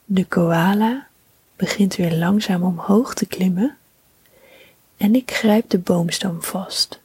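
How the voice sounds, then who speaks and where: Slow, whispering woman telling a bedtime story. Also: medium pitch, husky. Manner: slow, soothing, calm.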